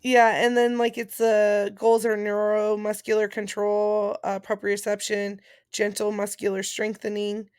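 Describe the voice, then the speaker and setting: A woman's voice: mid-range voice, completely flat delivery, a little slow, few pauses, darkish tone, smooth, no room sound, studio quality. A woman chatting casually and informally as she explains things step by step. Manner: informal, explanatory, reading out points then paraphrasing. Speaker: vlogger and post-surgery patient. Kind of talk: casual chat about recovery.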